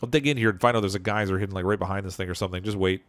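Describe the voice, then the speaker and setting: His voice is low and fairly even in intonation, and he talks very fast while livestreaming a game. Thinking aloud in a rambling, casual way, he keeps chuckling, and his voice is wearing thin.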